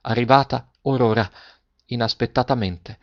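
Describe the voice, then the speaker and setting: A man voicing an anxious lady of the house who speaks gently and hesitantly. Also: mid-range voice, moderate pace, no room sound, muffled recording, close to an everyday voice.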